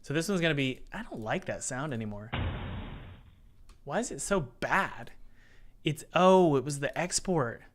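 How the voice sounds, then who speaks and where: A man's voice: on the high side, lively intonation, moderate pace, pauses often, slight background noise. A man streaming his game development work, chatting casually and thinking aloud as he edits sounds and reads chat. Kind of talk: casual live-stream chat while working.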